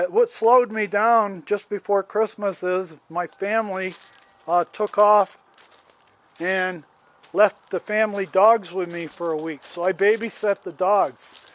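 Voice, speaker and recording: Walking around his yard with a handheld phone, a homeowner in his seventies films a casual vlog of complaint, sounding aggrieved, plain-spoken and rambling, with restarts. His voice sits high with a fairly bright tone, and there's no echo.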